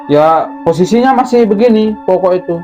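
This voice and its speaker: A guest storyteller with a high, fairly quick voice recounts a true horror story casually and animatedly, acting out screams and crashing noises. The audio is muffled, with music playing underneath.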